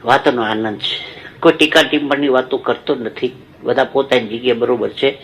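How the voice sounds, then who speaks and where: A man's voice: mid-range voice, fairly even intonation, moderate pace, fairly bright tone, a little hiss or hum, poor audio. A man with a Saurashtra Gujarati accent doing a stage comedy monologue, telling jokes and a story in a folksy way and repeating words for effect. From Gujarat, India. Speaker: stand-up comic storyteller.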